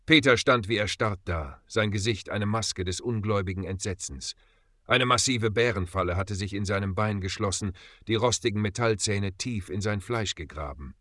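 A man narrates a story in a steady, dramatic reading. His voice is low-pitched with a bright, forceful tone. The recording is dry and close-miked. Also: normal speed, no room sound. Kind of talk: scripted audiobook narration.

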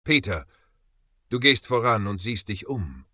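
A man's voice: on the low side, animated, unhurried, bright, forceful tone, breathy edge, no room sound, full character voice. A man voicing a cold, grim male mercenary leader who gives curt orders.

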